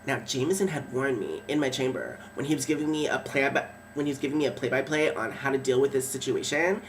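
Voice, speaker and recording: A man's voice: mid-range voice, expressive, quick pace, distant mic, a little hiss or hum. Breathless gossipy man spilling drama. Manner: breathless, dramatic, filler-heavy. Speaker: web series host in character. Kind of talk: dramatic gossipy storytelling to camera.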